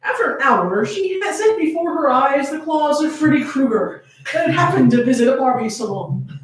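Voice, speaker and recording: A woman with a high voice and lively intonation, speaking at normal speed, reads fan fiction in a dramatic, comedic, theatrical way, often breaking into laughter. She's far from the mic in a very echoey room.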